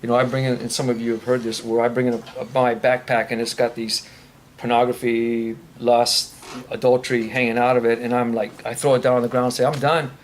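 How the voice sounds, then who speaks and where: A man's voice: mid-range voice, completely flat delivery, fairly quick, a little hiss or hum. Earnest man answering questions at a meeting. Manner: earnest, faith-filled, rambling with restarts. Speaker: recovery ministry speaker. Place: meeting room.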